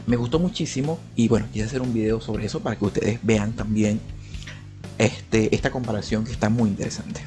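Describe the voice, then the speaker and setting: A man's voice: fairly low pitch, steady tone, fairly quick, dark tone, soft background music. A young man from Venezuela with a Venezuelan Spanish accent, giving casual opinion commentary in a conversational way, often restarting his sentences and dropping slangy asides. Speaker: political YouTuber.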